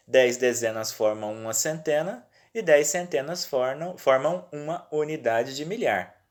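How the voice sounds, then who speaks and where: Recorded at home on a phone, this medium-pitched male teacher with a Brazilian accent guides pupils through worksheets in a remote lesson. His manner is calm and reassuring, and he checks on them often.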